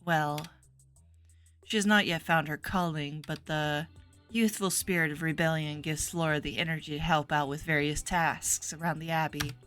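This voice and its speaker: A woman voicing a composed, formal middle-aged abbess who speaks in a measured, courteous way. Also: low voice, fairly even intonation, a bit bright, soft background music.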